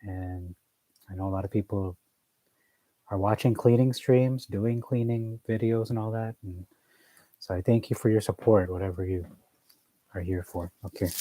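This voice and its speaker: Rambling, low-voiced man vlogging his cleanup. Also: steady tone, moderate pace, pauses often, mellow, poor audio. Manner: rambling and self-mocking, with frequent fillers. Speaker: vlogger streaming himself cleaning. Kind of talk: casual chat to camera. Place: his bedroom. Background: faint chiptune music playing.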